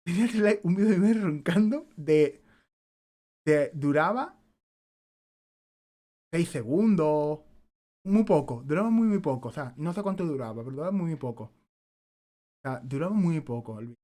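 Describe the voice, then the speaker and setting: A man's voice: a little high, lively intonation, normal speed, long pauses, dark tone. Brief: young Spanish-man streaming a game, loose, rambling and swearing. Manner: rambling anecdotes, repeats himself, swears casually. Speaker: gaming streamer. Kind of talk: casual chat while playing.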